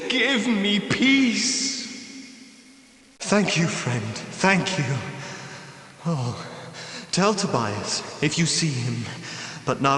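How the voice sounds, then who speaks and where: A tormented young knight's ghost for a video game. The voice is high and bright, ringing through a stone-like hall with long reverb. He pleads his innocence with melodramatic, wounded intensity. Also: exaggerated voice. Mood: urgent pleading, then relieved, weary. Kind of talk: theatrical video game character acting.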